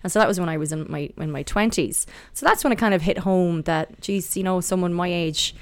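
Interview guest: woman, 30s, gentle Irish Midlands accent, slightly low, clear smooth tone, chatty. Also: fairly quick. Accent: Irish Midlands, softened by elocution lessons. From Athlone, Irish Midlands. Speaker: podcast guest, powerlifter. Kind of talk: casual interview, personal recollection.

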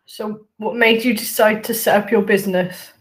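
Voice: medium pitch, fairly even intonation, moderate pace, fairly bright tone. A podcast host interviewing a guest in casual chat, often breaking off mid-sentence and getting a little tongue-tied while asking questions. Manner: self-interrupting, a bit tongue-tied, asks follow-up questions.

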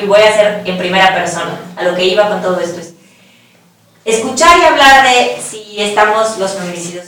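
A woman's voice: mid-range voice, a bit bright. A middle-aged woman with a Mexican accent telling frank personal stories in a discussion, swearing casually and speaking with animation. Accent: Mexican Spanish. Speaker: panelist. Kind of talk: candid personal testimony in a discussion. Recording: echoey room, voice distant from mic.

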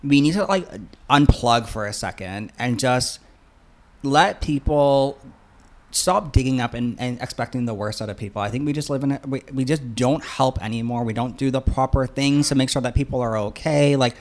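A man's voice: medium pitch, normal speed. A man with a lisp and slushy, whistling s sounds, talking casually and earnestly as a podcast co-host. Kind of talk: casual, rambling discussion.

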